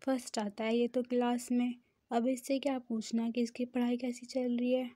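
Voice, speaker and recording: A woman's voice: on the high side, flat delivery, moderate pace, warm tone, no room sound, studio quality, natural voice. A woman voicing a blunt, teasing young man who reproaches his friend, in a storybook reading.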